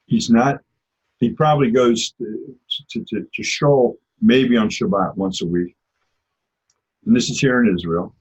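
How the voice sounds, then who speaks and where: A man's voice: medium pitch, unhurried, darkish tone, husky. A man teaching an informal religious class, talking in a conversational way and telling personal stories. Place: lives in Israel. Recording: dull lo-fi recording.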